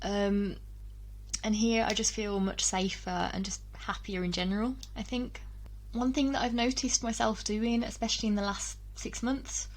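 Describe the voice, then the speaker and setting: A young English woman chats casually to her camera as a vlogger, her voice at a middling pitch. She's relaxed and personal, often saying "um," restarting her sentences, and laughing between thoughts.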